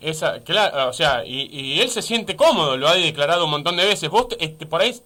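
A man's voice: a little high, lively intonation, fairly quick, bright, forceful tone. A man with an Argentine Rioplatense accent hosting a radio interview. He is chatty and eager and agrees with his guest often. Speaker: radio host.

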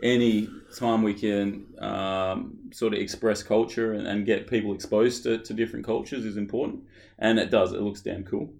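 A man's voice: on the low side, steady tone, normal speed, gravelly, a little mellow. A man hosting a podcast, steering casual chat and laughing easily. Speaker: podcast host.

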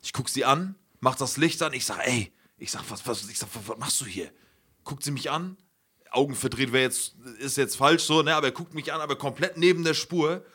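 A young man talks fast in a bright, forceful voice as he tells a story on a podcast. His voice sits a little high. His slangy, casual delivery is full of swearing and repeated filler words. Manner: slangy, swears a lot, keeps saying "Alter" and "Digga". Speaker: podcast host.

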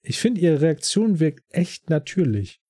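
Mellow-voiced thoughtful male podcast co-host. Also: a little high, big pitch swings, a little slow, slightly rough, no echo, studio quality. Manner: thoughtful, hesitant, restarting phrases with many fillers. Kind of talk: casual chat recapping a TV series.

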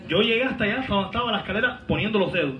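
A man preaching a sermon as pastor, fervent, with sudden shouts and teasing asides. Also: high voice, lively intonation, very fast, dull audio, soft background music. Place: large hall, voice heard from a distance. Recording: echoey hall, distant mic, background noise.

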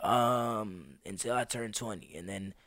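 A man in his twenties, a guest on a podcast, telling stories in an animated, slangy way. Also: fairly low pitch, unhurried, no room sound, studio quality. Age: 20s. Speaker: podcast guest, street performer. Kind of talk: casual conversation.

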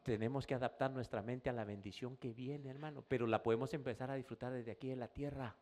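A man's voice: medium pitch, steady tone, fast talker, a little mellow. A male pastor preaching a sermon in a conversational way, often addressing the listener as brother and rising into emphatic bursts.

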